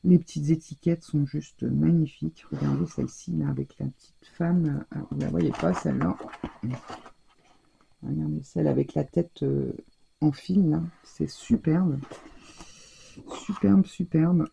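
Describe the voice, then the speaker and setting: A woman's voice: deep voice, steady tone, unhurried, gravelly, mellow, breathy edge. A woman chatting casually in a haul video from her home craft room, talking with lots of hesitations and fillers. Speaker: scrapbooking vlogger.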